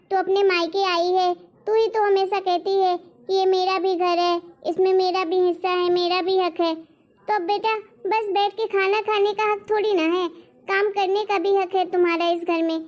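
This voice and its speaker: A woman voicing a middle-aged mother in an animated story who scolds and orders her grown daughter about. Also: extremely high pitch, normal speed. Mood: bossy. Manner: scolding, bossy. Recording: dull lo-fi recording.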